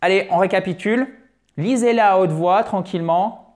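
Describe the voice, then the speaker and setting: A man teaching English in French, lively and chatty, repeating example sentences slowly to drill pronunciation. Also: high voice. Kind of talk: French-language English lesson.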